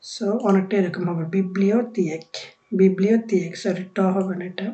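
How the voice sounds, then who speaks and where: Woman from Bangladesh, language teacher, mellow tone, patient, repeats each word slowly. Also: lowish voice, flat delivery, highs cut off. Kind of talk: vocabulary lesson.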